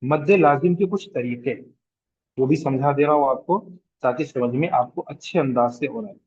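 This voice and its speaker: A man teaching Quranic recitation rules in a slow classroom lecture with a Hyderabadi Urdu accent, repeating terms, asking the class questions and drawing out vowels to show their length. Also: mid-range voice, darkish tone, lo-fi sound. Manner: draws out vowels to demonstrate elongation. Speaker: tajweed teacher.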